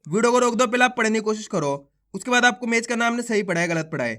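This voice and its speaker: A man teaching Hindi reading in a voice-over, sounding out each letter and then saying the joined word louder, patient and encouraging with his viewers. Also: very high voice, animated, quick pace. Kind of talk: slow spelled-out phonics lesson.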